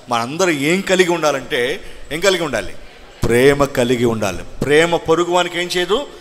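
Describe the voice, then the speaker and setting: A man preaching a Sunday sermon as pastor, firing questions at the congregation and rising into loud exhortations. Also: a little high. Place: church hall. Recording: long hall reverb.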